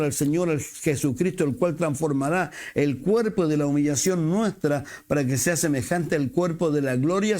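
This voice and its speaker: A male pastor, preaching a sermon with expressive swings and acted-out quotes. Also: a little high. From Chile.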